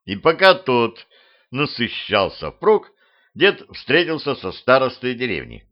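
A man narrating an amateur audiobook with a lively, expressive reading. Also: mid-range voice, a little slow, muffled recording.

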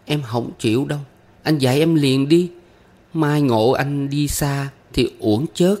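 A man's voice: mid-range voice, measured pace, warm tone, voice pushed up. A man voicing a pleading, sulky little girl with a Southern Vietnamese accent in an audiobook. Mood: coaxing. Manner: coaxing, whiny pleading. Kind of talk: audiobook character voice.

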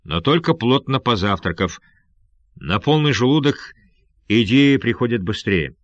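A man's voice: mid-range voice, lively intonation, measured pace, no echo, highs cut off, close to an everyday voice. A man voicing an easygoing, joking Portuguese adventurer in an audiobook, raised above his reading voice. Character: wry, unflappable Portuguese adventurer, adult man.

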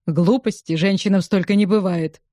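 An unflappable gentleman speaking in a deadpan, drily ironic way, as a woman narrator voices him. He appears in a storybook reading. The recording is close and dry. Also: medium pitch, moderate pace, no room sound, natural voice.

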